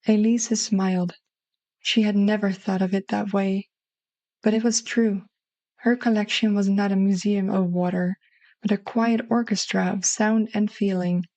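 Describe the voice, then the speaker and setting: Mellow Dutch-accented woman narrating a story. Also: mid-range voice, little pitch movement, a little slow, no room sound. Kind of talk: scripted literary short story narration.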